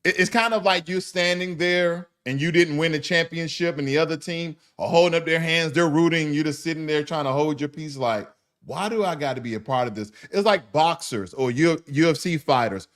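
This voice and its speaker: A man's voice: fairly high pitch, fairly even intonation, normal speed, hardly any pauses, a bit bright, clear, resonant tone. A man hosting casual news commentary. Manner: informal, mixes scripted news with blunt asides and swearing; mocking, laughs at his subject.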